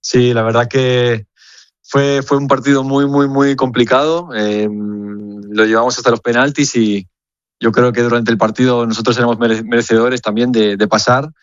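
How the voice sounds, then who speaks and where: A young man from Spain, a footballer, answering questions earnestly over the phone, halting and repeating words as he searches. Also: mid-range voice, steady tone, clear, resonant tone, no echo, muffled recording. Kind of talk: phone interview.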